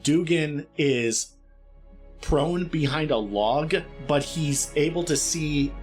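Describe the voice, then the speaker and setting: A man narrating a tabletop role-playing game as game master in calm, descriptive storytelling. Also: on the high side, slow, soft background music.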